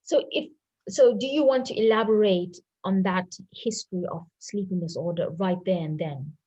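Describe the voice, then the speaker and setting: A woman teaching a medical history-taking session, speaking in a clear, instructive way and repeating her key points. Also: mid-range voice, moderate pace, warm tone, dull audio. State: voice a bit off.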